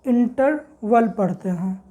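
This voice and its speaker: A woman with a fairly high, mellow voice teaches English pronunciation in an animated, classroom-style way. She spells out words slowly letter by letter, asking questions aloud and then answering them herself.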